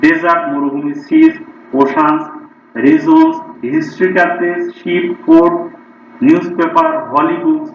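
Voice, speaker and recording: A man's voice: high-pitched, sing-song, creaky. Bengali-accented man teaching grammar, distant and roomy. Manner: reads word lists, slows right down for English sentences. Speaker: school English teacher. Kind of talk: classroom grammar lesson. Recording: distant, roomy, dull lo-fi recording.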